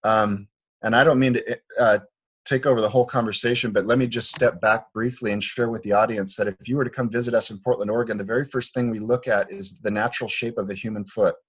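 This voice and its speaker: Speaking quickly in a lowish, breathy voice with a steady tone, a man from Liberia shares his perspective. He is a foot doctor being interviewed conversationally at a clinic in Portland, Oregon, and his earnest, casual explanations are full of restarts.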